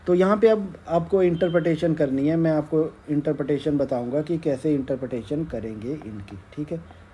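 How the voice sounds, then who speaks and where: A man teaching econometrics in a slow, step-by-step lecture, checking in after nearly every sentence and mixing in English terms. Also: on the high side, dark tone, slight background noise. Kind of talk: whiteboard lecture.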